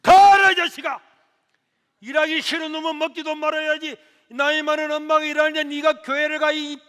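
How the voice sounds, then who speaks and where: A man voicing an angry older mother who scolds her son loudly. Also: medium pitch, steady tone, quick pace, pitched below the performer's own voice, natural voice. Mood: furious scolding. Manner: shouting, scolding. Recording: echoey church hall.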